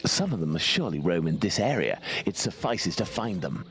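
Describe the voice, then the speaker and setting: A man playing a composed, formal Victorian gentleman detective with a British accent in a video game. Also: low-pitched, big pitch swings, brisk, a crowd in the background. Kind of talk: video game character acting.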